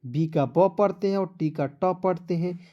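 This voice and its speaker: A man's voice: sits high, a little slow, muffled recording. A man giving an online phonics lesson. He spells each word letter by letter and keeps quizzing viewers with patient repetition. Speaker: English teacher.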